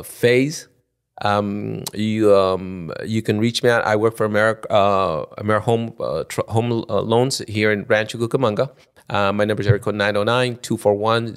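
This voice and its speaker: A man in his sixties from Ecuador, a podcast guest talking off the cuff in halting, restarting phrases. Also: lowish voice, creaky, clear, resonant tone. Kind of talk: spontaneous conversation.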